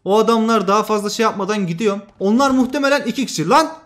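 Young male gaming host, very high voice, hyped trash-talk commentary over gameplay. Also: rapid-fire. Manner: excitable, trash-talking, swings from loud to muttering.

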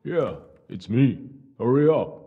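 A man's voice: mid-range voice, animated, slow, a little hiss or hum. A man voicing a possessed man outside a closed door, muffled through it and insistently repeating his pleas. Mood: urgent. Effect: muffled voice calling through a closed door. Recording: dull muffled sound with loud music.

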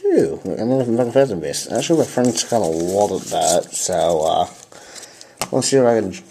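A man's voice: on the low side, animated, moderate pace, mellow. A young man hosting a casual unboxing at home, talking offhandedly as if half to himself. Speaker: video host opening card packs. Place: indoors at a table at home. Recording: noisy home recording, wrapper crinkling. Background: crinkling packs, clicks, clear noise.

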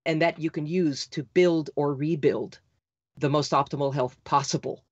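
A woman being interviewed as a podcast guest, talking quickly and insistently, like an auctioneer. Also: low-pitched, steady tone, dry recording, lo-fi sound. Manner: insistent, rapid, talks like an auctioneer. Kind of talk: fast, emphatic interview talk.

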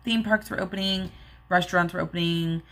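A woman's voice: fairly low pitch, fairly even intonation, fairly quick, fairly bright tone. A woman hosting her own vlog, casually telling a personal story in a rambling, open way with plenty of "like" and "um.". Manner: chatty, rambling, many "like" and "um" fillers; open and emotional when recalling events. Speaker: vlog host.

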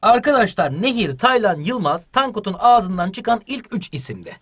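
A man leads an online English lesson for children, reading English lines and translating each into Turkish with lively energy. His voice sits high and husky, at a moderate pace.

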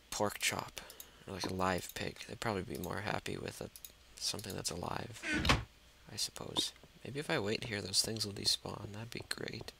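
A man's voice: on the low side, vocal fry, heavy background noise. A man doing gameplay commentary, talking to himself and the monsters and dropping to a whisper when scared. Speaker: let's play host. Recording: loud mouse clicking over the voice.

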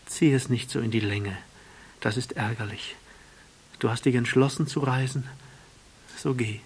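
A proud, delicate flower with a tender but vain heart, speaking up high and louder than the storyteller around it, as a male narrator puts her on. The voice has a gravelly, husky grain beneath its raised pitch, in the manner of a storybook audiobook. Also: unhurried. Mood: proud curt. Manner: pleading, high and emphatic. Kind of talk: audiobook reading.

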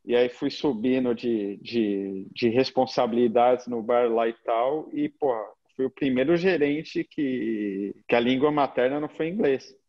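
A São Paulo agency founder in his thirties, speaking with a Brazilian accent, tells anecdotes informally as an interview guest over a video call from an indoor room at home, using slangy phrasing and frequent tag questions. His mid-range voice moves at a measured pace with hardly any pauses, and the call audio is slightly dull.

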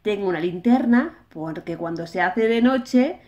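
A woman's voice: medium pitch, expressive, a little slow, darkish tone, lo-fi sound, natural voice. A woman with a Spain accent voicing a friendly, bossy toy policeman for children, chatty and sing-song. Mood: chatty, proud. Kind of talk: toy play-acting for children.

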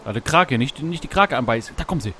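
A man casually commenting on his gameplay while fishing, talking to himself, greeting animals in the game, and yelping excitedly at each catch. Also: mid-range voice, quick pace, a little hiss or hum. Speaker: Let's Play host. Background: background game music.

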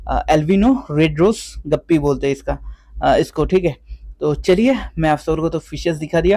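A man's voice: a little high, vocal fry, darkish tone, no echo. Chatty man showing off his fish. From West Bengal, India. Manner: chatty, repeats "theek hai" often; mixes English words into Hindi. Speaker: guppy breeder and seller. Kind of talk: casual vlog walkthrough.

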